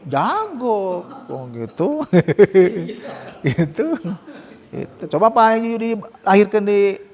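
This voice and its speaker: A man's voice: high-pitched, big pitch swings, darkish tone. Man teaching Quran recitation in a hall. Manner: explains casually, models slow drawn-out recitation. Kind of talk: tajwid lesson with students.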